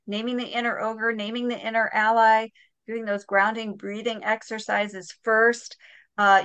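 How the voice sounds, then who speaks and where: A woman's voice: on the high side, pushed and bright, clear, resonant tone, no echo. A woman hosting a live parenting session, upbeat and encouraging with her guest and the parents. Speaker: host.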